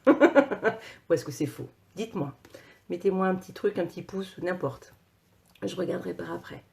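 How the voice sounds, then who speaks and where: A woman coach talking casually to her viewers, animated, with many repeated words and restarts. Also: on the low side. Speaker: personal coach and author.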